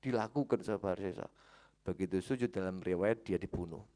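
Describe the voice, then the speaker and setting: A man with a Javanese accent preaching a sermon, telling stories, swinging between loud and hushed. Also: sits low, fairly quick.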